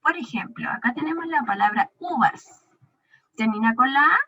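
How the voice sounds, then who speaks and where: A woman's voice: fairly high pitch, expressive, normal speed, pushed and bright. A woman teacher giving a recorded grammar lesson to a young pupil, patiently drawing out the example words. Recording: dull lo-fi recording.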